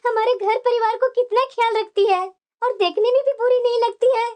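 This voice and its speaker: A woman's voice: very high voice, fairly even intonation, a little fast, darkish tone, faint music behind. A woman voicing a worried, doting elderly mother-in-law in a cartoon, pleading and fretful. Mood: brooding. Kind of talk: cartoon voice acting.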